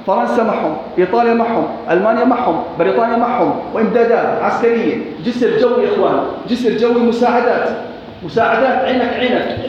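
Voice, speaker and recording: A man with a Levantine Arabic accent preaches in a high, fast, impassioned voice. He drives his points home with repeated phrases and sworn oaths. His voice booms through a big echoing hall with a long reverb tail, with faint noise underneath. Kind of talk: sermon. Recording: echoey hall, dull lo-fi recording.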